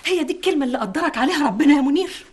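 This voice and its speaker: A woman's voice: expressive, rapid-fire. An actress playing a middle-aged Egyptian mother, frantic and tearful with fear for her missing son. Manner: shrill, pleading, tearful outbursts. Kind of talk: TV drama acting.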